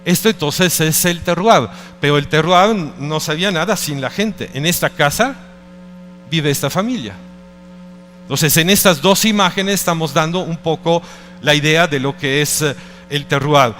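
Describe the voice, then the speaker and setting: A middle-aged man with an Italian accent gives a conference presentation in a reverberant hall, a faint bed of music underneath. His voice sits slightly high, and he speaks haltingly, often breaking off to rephrase and search for the right word. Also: fairly bright tone. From Italy. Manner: hesitant, searching for words with many restarts. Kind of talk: presentation talk.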